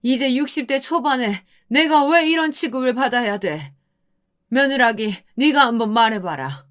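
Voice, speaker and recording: A woman's voice: on the high side, animated, moderate pace, a bit bright, voice pushed up. A woman voicing a weary mother in her sixties who pleads and scolds. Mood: tearful scolding. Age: 60s.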